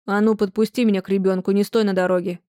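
A woman's voice: mid-range voice, level tone, fast, warm tone, no echo, clean studio sound, close to an everyday voice. Woman reading as a harsh domineering grandmother. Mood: angry. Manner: harsh, scolding.

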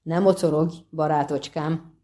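Female reader as a male witcher hero, low, calm, commanding. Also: natural voice. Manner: low, calm, clipped orders. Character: stern male witcher swordsman, cool and commanding.

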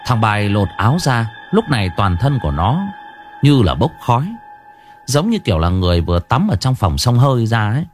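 A man narrating a first-person ghost story in an expressive storytelling manner. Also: fairly low pitch, a little fast, faint music behind.

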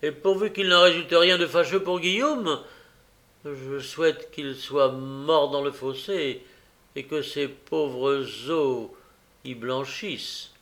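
A man reading a novel aloud and voicing a sullen, sharp-tongued young woman with a raised, mocking delivery. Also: on the high side, steady tone, slow pace. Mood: bitter. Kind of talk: audiobook character reading.

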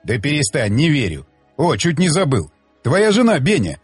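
A blunt, sardonic man who needles his friend like a patient mentor, as a male audiobook reader puts him on. The voice sits fairly high and husky and swings with lively pitch. It is close and dry, with faint music behind. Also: moderate pace, no echo, full character voice. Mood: mocking. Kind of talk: audiobook dialogue reading.

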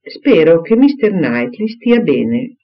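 A man voicing a charming, eager young gentleman in an audiobook reading, speaking earnestly and effusively. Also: fairly high pitch, very animated, moderate pace, muffled recording.

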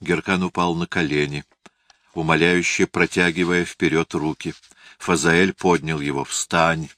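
Deep-voiced man reading a historical novel. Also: steady tone, fairly bright tone, dry recording. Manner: measured, dramatic reading. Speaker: audiobook reader. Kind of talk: scripted narration of a historical novel.

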